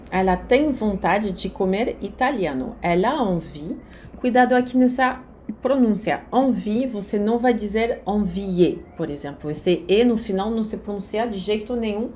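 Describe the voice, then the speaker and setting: A woman teaching a lesson, giving slow, carefully articulated pronunciation drills. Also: mid-range voice, lively intonation, warm tone, a little hiss or hum. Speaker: French teacher. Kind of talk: language lesson.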